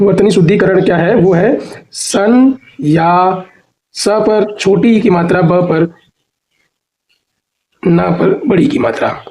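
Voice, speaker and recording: A high-pitched man runs an exam preparation lesson, reading out lists of words and definitions. He repeats each answer and walks through the spelling of tricky words. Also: a little mellow. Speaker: Hindi teacher.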